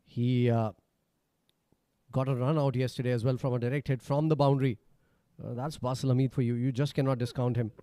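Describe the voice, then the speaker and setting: A man giving live cricket commentary, chatty analysis with thinking pauses between phrases. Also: medium pitch, little pitch movement, warm tone, dry recording.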